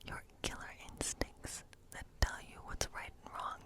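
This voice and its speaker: Short phrases and quiet pauses shape this woman's tarot reading, delivered gently and slowly. She speaks in a breathy, unvoiced whisper, as in an ASMR fantasy role play.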